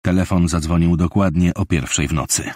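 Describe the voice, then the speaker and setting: Male audiobook narrator, deep voice, slightly husky, steady measured thriller narration, dry close studio sound. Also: no room sound.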